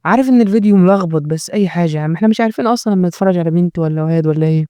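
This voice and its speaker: Fast, high-pitched Egyptian man talking off the cuff. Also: mellow, clean tone, no room sound. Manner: mocking, sarcastic, rambling. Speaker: host of a commentary video. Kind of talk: natural unscripted talk, joking commentary.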